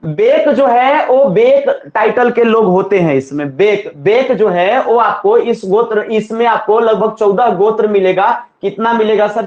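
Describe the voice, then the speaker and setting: A man's voice: high-pitched, darkish tone. Jharkhandi guy teaching a class, keeps repeating stuff, kinda dull muffled recording. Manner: repetitive call-and-response, drilling students. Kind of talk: exam-coaching lesson. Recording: echoey room, slightly dull sound.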